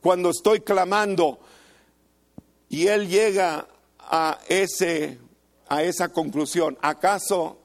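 An older male pastor preaching a fervent sermon, swinging from soft musing to loud declarations. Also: high voice.

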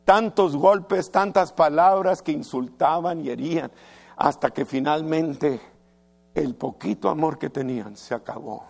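A man's voice: on the high side, a little slow, creaky, a little mellow. A male pastor preaching an earnest sermon and stretching his words for emphasis.

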